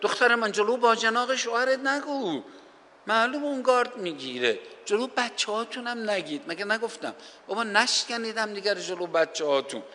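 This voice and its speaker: A man's voice: high-pitched, expressive, pushed and bright, long reverb tail. A man from Iran preaching a sermon, fervent, posing rhetorical questions and reciting scripture in Arabic while addressing listeners as brothers and sisters. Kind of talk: sermon on family advice.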